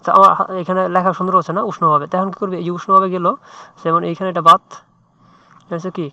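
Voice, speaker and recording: A man's voice: sits high, level tone, racing, bright, forceful tone, no room sound. A man tutoring English in a chatty, informal way, often checking in with "right?". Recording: muffled dry lo-fi mic.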